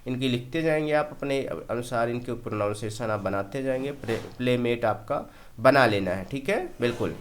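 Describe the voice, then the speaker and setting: A man teaching English vocabulary in a slow classroom style, often checking whether the point is clear and repeating each meaning. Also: medium pitch, a little hiss or hum. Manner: explains slowly, keeps asking "clear?" and repeating meanings.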